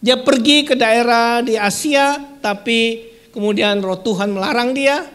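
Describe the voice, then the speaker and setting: A preacher giving a live-streamed church sermon, swinging from loud peaks to hushed lines and asking the congregation questions. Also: medium pitch, a little slow.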